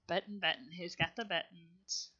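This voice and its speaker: A woman's voice: lowish voice, fairly even intonation, normal speed, pushed and bright, highs cut off. A woman with a Southern US accent, streaming a game in casual commentary, chatty and rambling, muttering to herself and laughing often.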